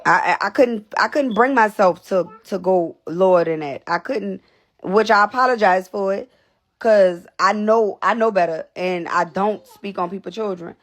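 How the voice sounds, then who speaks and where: Chatting casually to her livestream audience, a young woman host is blunt, swears, and keeps repeating herself. She sounds out of breath, with a medium-pitched voice at a moderate pace.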